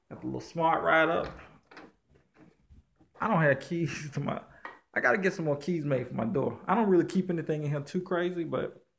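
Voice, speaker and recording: A blunt, slangy man with a high voice gives casual vlog advice from his small office. He talks straight at the viewer with the loose ease of someone who runs his own used-car business, with faint noise in the background. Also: creaky.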